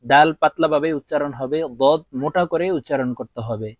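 A man teaching Arabic letter pronunciation, chanting slow drills and then quickly explaining. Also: fairly high pitch, no room sound. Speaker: Quran reading teacher. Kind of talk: slow drilled recitation lesson. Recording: dry, tinny phone-like sound.

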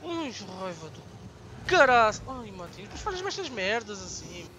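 Excitable young Portuguese gamer. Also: male voice, sits high, normal speed. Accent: European Portuguese. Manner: swearing, excitable, shouting at the game. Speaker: gaming YouTuber. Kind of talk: gameplay commentary.

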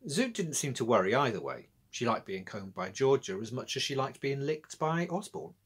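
In a small bookshelf-filled room, a middle-aged British storyteller and author narrates a tale for children. The voice is mid-range and slightly rough, sing-song, at a moderate pace.

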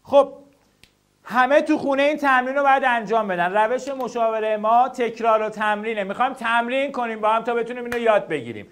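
A man's voice: very high-pitched, clear, resonant tone. A young man teaching students how to study, lecturing and speaking to them directly. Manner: animated, addresses students directly.

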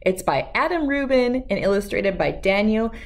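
A read-aloud host, a medium-pitched woman in her thirties, reads a children's storybook with expressive, emphatic delivery. She leans on dramatic pauses.

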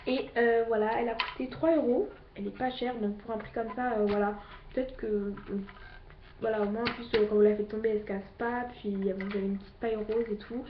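A woman's voice: on the high side, steady tone, brisk. A teenage girl chatting through a shopping haul, a little out of breath, gushing and filling her talk with fillers and repeated words. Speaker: beauty vlogger. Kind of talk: casual haul video chat. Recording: roomy, dull lo-fi with faint hiss.

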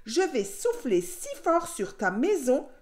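A boastful, menacing big bad wolf from a storybook, all loud cries and threats, as a woman reading aloud puts him on. The voice climbs high and swings wildly when it yells. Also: big pitch swings, slow pace, exaggerated voice. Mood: threatening. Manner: shouting, high strained cries.

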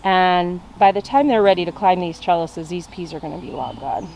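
A young woman with a gravelly, lowish voice speaks at a moderate pace while touring her backyard vegetable garden and pointing out plants to a handheld camera for her gardening vlog. Music plays underneath, and the recording is rough.

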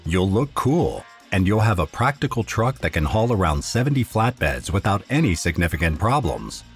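A man reading a scripted voice-over narration in a steady, informative explainer manner. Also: deep voice, normal speed, faint music behind.

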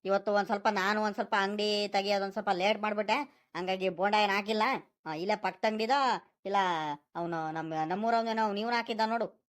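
A woman voicing a young male village snack-shop keeper in a cartoon, calm and pleading, with a rural Karnataka Kannada accent. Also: medium pitch, voice pushed down, lightly acted.

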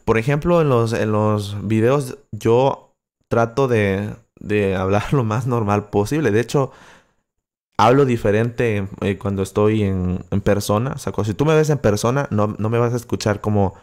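A lowish, darkish male voice at a normal pace belongs to a young livestream host from Acapulco. Speaking close to the microphone with a coastal Guerrero Mexican accent, he answers chat casually, often restarting and using fillers.

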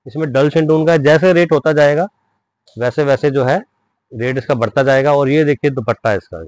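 A man giving an insistent teleshopping-style sales pitch as a wholesale seller showing his stock. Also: moderate pace, a little mellow. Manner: insistent selling, repeating prices and urging orders. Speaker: wholesale ladies' suit seller presenting stock.

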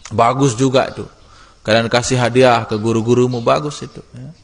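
A male religious teacher giving a lively classroom lesson, teasing and urging his students on. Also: medium pitch, normal speed, creaky. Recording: long hall reverb.

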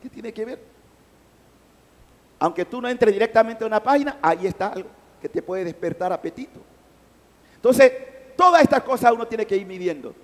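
Panamanian priest, higher-pitched man, sermon voice that swells and drops, long church reverb. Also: animated, moderate pace, long pauses. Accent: Panamanian Spanish. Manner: emphatic, rising and falling loudness. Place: large church.

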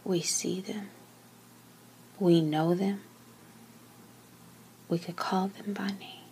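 A woman leads a slow guided meditation, soothing scripted narration delivered in a calm, gentle, breathy medium-pitched voice that often sinks to a near-whisper. She speaks in short phrases separated by long pauses, and a little hiss or hum can be heard.

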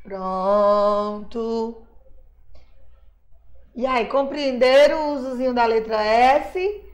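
A woman's voice: sits high, darkish tone. A woman from Brazil's teaching a class of young children, patiently spelling words out syllable by syllable and calling herself auntie. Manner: slow, drawn-out syllable-by-syllable spelling; patient, uses diminutives, refers to herself as auntie. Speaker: primary school teacher.

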